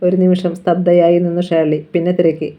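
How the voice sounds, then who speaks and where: Steady reader of a novel, lo-fi. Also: medium pitch, a little fast. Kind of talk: scripted novel narration. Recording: dull lo-fi recording.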